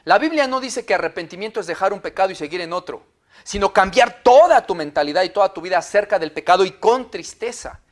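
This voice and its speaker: A male pastor with a Mexican Spanish accent preaching a conversational sermon. He is lively and informal and keeps checking in with tag questions. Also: sits high, fast talker.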